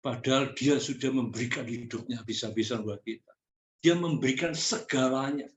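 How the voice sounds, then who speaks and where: A man's voice: medium pitch, moderate pace, reverberant. A man preaching a sermon in a conversational teaching style, challenging the congregation directly.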